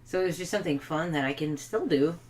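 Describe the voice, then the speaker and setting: A woman's voice: low-pitched, fast talker. A woman co-hosting a casual home podcast, talking freely with lots of "like" and fillers. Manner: chatty, filler-heavy, lots of "like". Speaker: podcast co-host. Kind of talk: casual chat.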